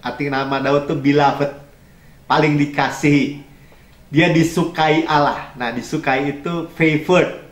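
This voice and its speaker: A man's voice: fairly high pitch, steady tone, a little slow, roomy sound. A man preaching a sermon as pastor, conversational and chuckling, slipping English phrases into his talk. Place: church.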